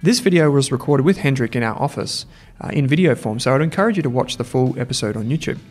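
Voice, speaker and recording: A man's voice: mid-range voice, expressive, fast talker, faint music behind. A man hosting an investing podcast interview, talking in a casual, chatty way with restarts. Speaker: podcast host.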